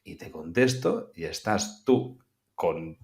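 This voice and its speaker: A man hosting a podcast, asking questions in a relaxed, chatty way. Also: low voice, slow. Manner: relaxed, chatty, many fillers. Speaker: podcast host. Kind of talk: casual interview chat.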